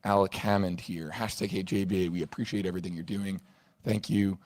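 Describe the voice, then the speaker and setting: A man hosting a news livestream, reading viewer comments with a hoarse voice in an earnest way, often repeating words as he restarts. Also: low voice, fairly even intonation, fairly quick, darkish tone, dry recording.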